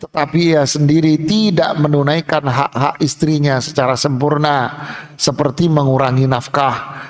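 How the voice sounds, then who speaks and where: A male Islamic preacher giving a mosque sermon in a lively, colloquial manner, acting out everyday examples. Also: fairly high pitch.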